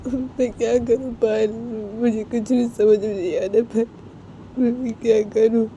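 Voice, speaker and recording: A woman's voice: a little high, dark tone, slight background noise, pitched above the performer's own voice, close to an everyday voice. A woman voicing a tearful young woman who pleads desperately, her words breaking into sobs, in a storybook romance.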